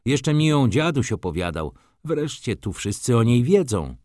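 Storybook village lad, simple and plain-spoken, put on by a male reader, a bit higher than the narration, lively in pitch. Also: unhurried, no room sound, studio quality. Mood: matter-of-fact. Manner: plain, matter-of-fact storytelling.

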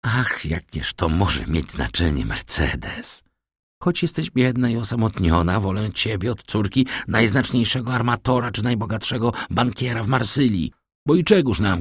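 A man's voice: lowish voice, lively intonation, moderate pace, husky, no echo, clean studio sound. A man voicing a bitter jealous young soldier. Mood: pleading. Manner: bitter, pleading.

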